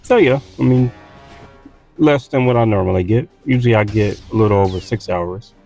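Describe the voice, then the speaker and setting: A man's voice: on the low side, normal speed, creaky, mellow, soft background music. A man from Texas with a Southern accent, tired from little sleep, rambling casually with lots of fillers and restarts while playing a game. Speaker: gaming streamer.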